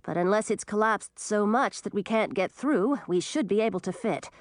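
A woman doing a calm practical male creature, storybook, dry sound. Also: mid-range voice, normal speed, no room sound, natural voice.

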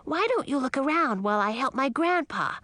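A woman's voice: high-pitched, expressive, brisk, sharp tone, no echo, pitched above the performer's own voice. A woman voicing a small, kind young male dragon with a friendly manner.

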